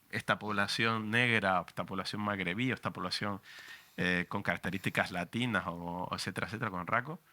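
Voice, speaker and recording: A man's voice: fairly low pitch, pushed and bright. A man in his forties with a Canarian Spanish accent, speaking passionately as a journalist on a panel at a book presentation. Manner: passionate, emphatic, frank and profane. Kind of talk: public talk at a book presentation.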